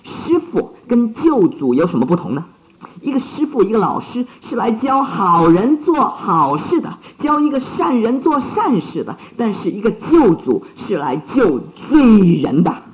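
High, lively-voiced man preaching a sermon. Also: unhurried, muffled recording. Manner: emphatic, pleading exhortation.

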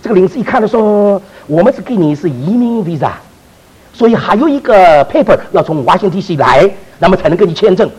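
Husky, animated man preaching a testimony. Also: sits high, brisk, low-quality recording. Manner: animated storytelling with many restarts and fillers. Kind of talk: testimony sermon.

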